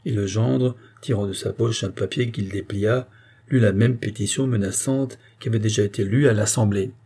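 A man narrating a historical novel as an audiobook in a steady, measured storytelling voice. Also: on the low side, husky.

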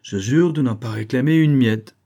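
A man's voice: mid-range voice, normal speed, mellow, natural voice. A man voicing a sly, wary male cat who teases with mock piety in a storybook reading. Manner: mock-pious, smug and teasing.

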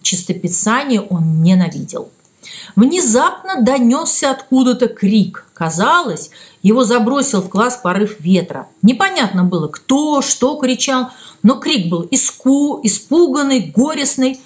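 Woman reading a kids story aloud, lively up-and-down voice, higher pitch. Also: a little slow. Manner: expressive storytelling. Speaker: reader. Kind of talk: audiobook narration of a children's story.

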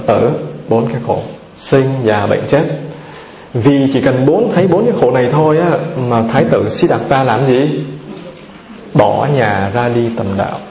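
A man's voice: mid-range voice, a little mellow. A man, a Buddhist monk, giving a dharma talk, lists terms one by one and asks his listeners questions that he answers himself. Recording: roomy, dull, slightly noisy recording.

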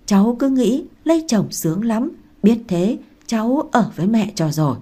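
A woman's voice: fairly high pitch, sing-song, moderate pace, pitched above the performer's own voice. Woman reader voicing a meek young pregnant wife. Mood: pleading. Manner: soft, pleading, curious. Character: timid young pregnant daughter-in-law.

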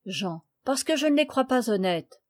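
A woman's voice: a little high, expressive, moderate pace, darkish tone, no room sound, studio quality, close to an everyday voice. Woman reading as an earnest brave boy. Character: upright brave young boy.

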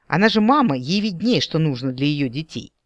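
A man narrating a first-person fantasy audiobook with an expressive reading. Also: fairly high pitch, a little fast, dry recording, dull audio. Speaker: audiobook reader. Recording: dry home-studio reading.

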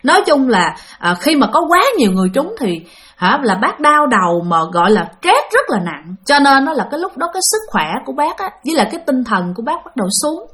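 A woman with a Southern Vietnamese accent narrates a ghost story for her channel in a chatty, conversational way, talking straight to her listeners. Her voice sits fairly high and moves a lot in pitch. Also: sing-song, fast talker, fairly bright tone. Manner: chatty, addresses listeners often.

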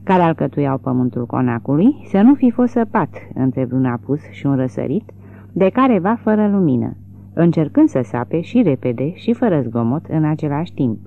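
Narrator reading a novel aloud, pitch jumps all over, sounds like it's coming through a phone. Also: gravelly. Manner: expressive, dramatic reading. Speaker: audiobook reader. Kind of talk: literary audiobook narration. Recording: tinny phone-like narrow sound.

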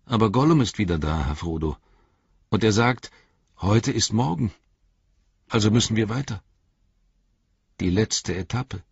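A man voicing a loyal, plain-spoken male hobbit who talks bluntly in a raised, lively voice, in a slightly dull recording. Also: lowish voice, a little slow, vocal fry, pauses often, slightly rough, no room sound, pitched above the performer's own voice, full character voice. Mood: urging.

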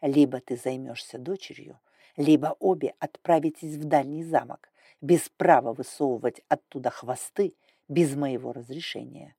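A woman's voice: rumbling low, unhurried, dark tone, slightly rough, no room sound, studio quality, pitched below the performer's own voice, exaggerated voice. A woman reading an audiobook, voicing a stern, domineering male dragon lord with an icy, growling manner. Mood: threatening.

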